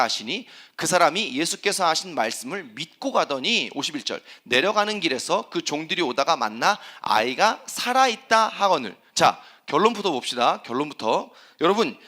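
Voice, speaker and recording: A male pastor preaches with a high, lively voice that rises and falls all through. His tone is bright and ringing. He keeps turning to the congregation with questions and acts out the prayers he quotes. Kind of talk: sermon. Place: church sanctuary.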